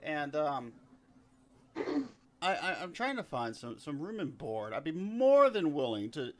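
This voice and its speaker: A man voicing an eager young bard who stammers and repeats himself while pitching his talents. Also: big pitch swings, a little slow, a little hiss or hum. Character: eager young male bard, fast-talking self-promoter.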